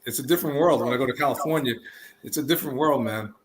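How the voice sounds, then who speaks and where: A man's voice: medium pitch, racing, background noise. A man with an American accent chatting casually on a video call, repeating phrases for emphasis. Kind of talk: casual chat. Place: indoor room on a video call.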